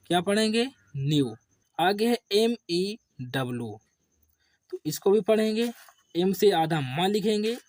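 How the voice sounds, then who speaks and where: Male teacher for a kids' spelling lesson, slow and patient, quizzes and then drops low on each answer, dry close sound. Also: no room sound. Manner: addresses viewers as children. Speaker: English teacher.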